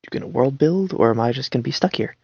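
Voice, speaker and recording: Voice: mid-range voice, lively intonation, fast, darkish tone, breathy edge, dry recording, lo-fi sound. A player describing their characters' moves in a tabletop game, rambling and hesitant, fighting yawns.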